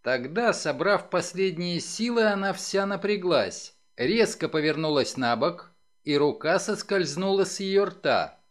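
A man narrating a novel as an audiobook, in a dramatic, expressive reading. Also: high-pitched, unhurried. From Ukraine. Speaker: audiobook reader.

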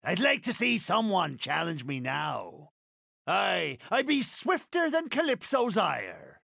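An actor playing a boastful, vengeful pirate captain in a video game, with a raspy voice, archaic pirate dialect and theatrical, drawn-out delivery. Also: male voice, high voice, wildly swooping pitch, bright, forceful tone, no echo, clean studio sound, heavily acted. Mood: gloating. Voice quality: gravelly, raspy. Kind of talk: video game character voice acting.

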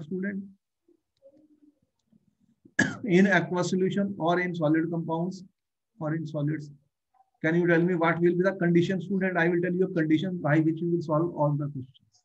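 High-pitched North Indian man teaching online. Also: fairly even intonation, normal speed, long pauses. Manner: repetitive, questioning, often addressing the learner. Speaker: chemistry teacher. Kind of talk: online tutoring lesson. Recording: dull, muffled online-class audio.

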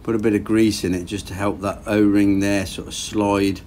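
This boat engine rebuild vlogger, a man in his thirties, has a voice on the low side and speaks at a moderate pace. Working in his garage, he narrates in a relaxed, plain-spoken way, thinking out loud, while slight background noise sits behind him.

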